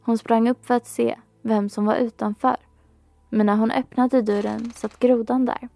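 Woman reading a fairy tale, gravelly. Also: fairly high pitch, faint music behind. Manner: calm, measured storytelling. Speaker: storyteller. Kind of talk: fairy tale read aloud.

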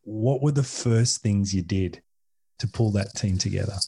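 A man with a fairly low, husky voice works as an interviewer. He sets up his questions at length and deliberately, framing each one with care. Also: warm tone.

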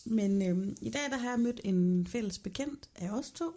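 A woman's voice: mid-range voice, lively intonation, warm tone. A woman, chatting casually as a podcast co-host, blunt and teasing in everyday slangy language. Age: 30s. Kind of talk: casual chat.

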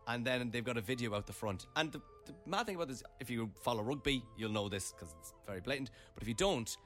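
A man's voice: medium pitch, animated, fast talker, fairly bright tone, faint music behind. A man co-hosting a radio show in casual chat, playful and fond of saying words aloud.

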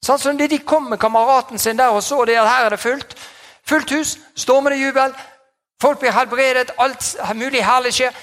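A man preaching a sermon in a lively, exclamatory way, chuckling often and dropping in amens and hallelujahs. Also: extremely high pitch.

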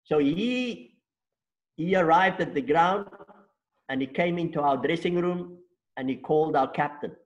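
Here a man in his sixties with a South African accent, Afrikaans being his first language, recounts his life at length during an interview and keeps asking rhetorical questions to check in. His voice is on the high side and unhurried, captured in a low-quality recording.

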